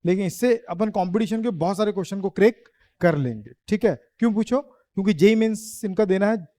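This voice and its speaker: A man's voice: sits high, a little fast, warm tone, no room sound. A man teaching physics in a classroom, quizzing and teasing his students and laughing often. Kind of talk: classroom lecture.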